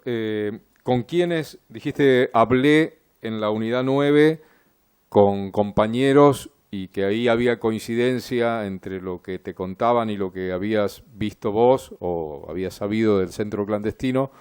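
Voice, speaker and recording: Smooth-voiced Argentine lawyer questioning. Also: male voice, lowish voice, a little slow, a little mellow. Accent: Argentine Spanish. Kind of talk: courtroom questioning.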